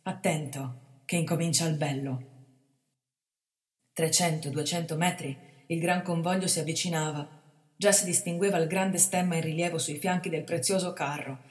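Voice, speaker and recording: Expressive woman reading a story. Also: lowish voice. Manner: measured, expressive narration. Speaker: actress and storyteller. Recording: reverberant hall.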